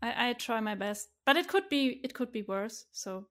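A woman with a German accent talks in a relaxed interview, her voice sitting a little high. She is cheerful and laughs easily, often restarting her sentences mid-thought. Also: moderate pace. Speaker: guest, community organizer. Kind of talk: casual interview chat.

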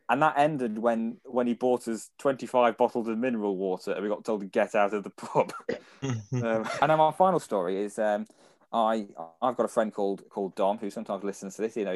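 A young British man shares rambling anecdotes on a podcast, often breaking into laughter. His voice sits low, and the sound is dry and close. The talk is casual and loose. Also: fairly even intonation, fairly quick, no echo. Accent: British English. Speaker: podcast co-host. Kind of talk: casual chat.

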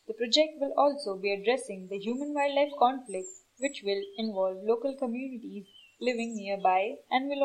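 A woman's voice: medium pitch, low-quality recording. A woman reads scripted, informational narration in a formal, explanatory way, like a nature documentary. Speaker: presenter of environmental news.

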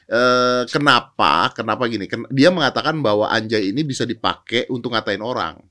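A man's voice: medium pitch, normal speed, bright, forceful tone. A man, debating playfully in a casual podcast chat.

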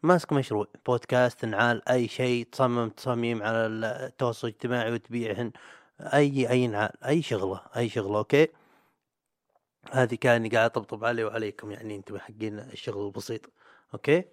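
A man's voice: mid-range voice, steady tone, fast talker, no echo, clean studio sound. A young man, hosting a solo podcast in a rambling, chatty, self-mocking way. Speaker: podcast host. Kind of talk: solo casual podcast monologue.

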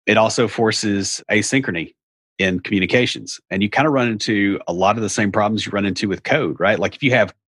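Husky middle-aged man with an Appalachian accent. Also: on the low side, brisk, fairly bright tone, dry recording, clean studio sound. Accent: Appalachian hillbilly, Southern US. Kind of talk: casual conversational explaining.

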